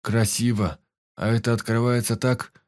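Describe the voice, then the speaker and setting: A man voicing a clumsy, meek, fat furry male creature in an audiobook, with a timid, apologetic, higher voice. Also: level tone, normal speed, darkish tone, lightly acted. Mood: curious.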